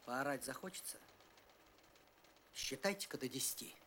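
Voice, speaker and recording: A man's voice: mid-range voice, expressive, normal speed, a bit bright, a little hiss or hum. A man playing a firm, fatherly middle-aged front commander in a war film. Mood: calm authority.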